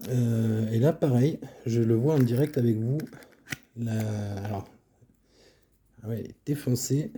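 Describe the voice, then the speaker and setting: A man calmly showing his card collection in casual commentary, low-key and trailing off at phrase ends. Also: measured pace, pauses often, a little hiss or hum.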